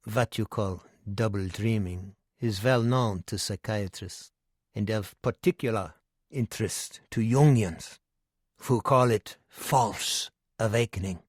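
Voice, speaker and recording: A man's voice: lowish voice, slow pace, no room sound, clean studio sound. A man voicing a frail, dying male psychiatrist in his nineties, with a heavy German accent and a sly, probing way of asking questions. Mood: probing, lecturing. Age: 90s.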